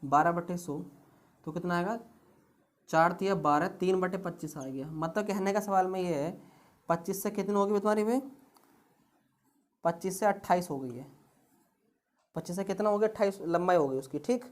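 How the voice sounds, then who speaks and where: A woman's voice: lowish voice, moderate pace, long pauses. A woman tutoring exam-prep math, talking through each step with rhetorical questions.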